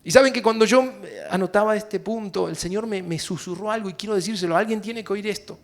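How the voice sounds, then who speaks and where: A high-voiced pastor preaches quickly with an Argentine Spanish accent, addressing his congregation head-on. His sermon moves back and forth between hushed and loud, impassioned sections.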